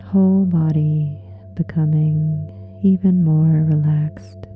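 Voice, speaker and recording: This yoga nidra meditation is led by a woman whose low voice drops to a breathy, soothing whisper-like hush. Her pacing is very slow and even, with long silences between brief phrases, set against soft music with singing bowls, and the audio is a bit dull and muffled.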